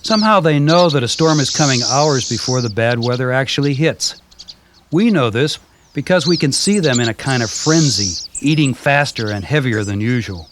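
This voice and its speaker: A man giving calm, measured scripted narration for a backyard birding video, heard from a worn VHS tape copy. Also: mid-range voice. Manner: calm, measured, gently descriptive. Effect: worn VHS tape copy with faint hiss.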